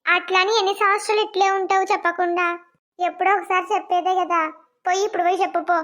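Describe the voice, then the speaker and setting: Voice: extremely high pitch, level tone, fast, pushed and bright. A voice actor playing a blunt, teasing young village friend in a cartoon, with a Telangana accent. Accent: Telangana Telugu.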